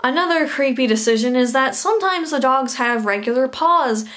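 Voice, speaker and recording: A woman's voice: sits high, expressive, normal speed, a bit bright, soft background music. A young woman reviewing a bad movie in a comedic rant, sarcastic and laughing between lines.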